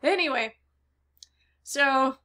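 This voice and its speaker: Giggly high-voiced woman telling a gaming story. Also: drawn-out words, sharp tone. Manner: giggly, rambling storyteller with restarts. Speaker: podcast co-host. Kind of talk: casual chat.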